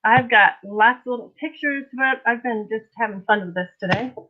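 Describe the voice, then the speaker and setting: A woman's voice: a little high, normal speed. A middle-aged woman hosting a casual live-streamed energy healing session in a rambling, scattered, informal way, heard through tinny phone-like audio. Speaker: host, energy healer.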